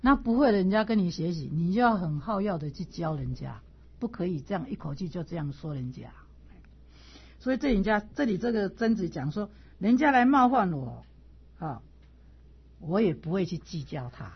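A middle-aged woman with a husky, breathy voice teaches a class in a casual, animated way. She tells stories and stumbles over her words when she starts again. The recording sounds dull and lo-fi. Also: fairly low pitch, normal speed. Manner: animated storyteller, repeats words and stammers on restarts.

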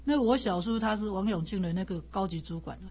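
Husky older woman telling lively stories. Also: medium pitch, fast. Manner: lively, laughs often, animated anecdotes. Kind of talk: casual storytelling talk. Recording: dull lo-fi recording.

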